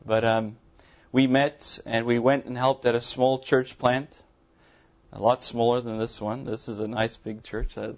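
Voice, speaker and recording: This is a muffled recording of a man in his thirties, an Afrikaans-speaking South African with mildly accented English, offering a sermon testimony to a congregation. As a visiting pastor at the pulpit of a church sanctuary, he talks in an earnest, halting manner with frequent ums. His medium-pitched voice shows little pitch movement.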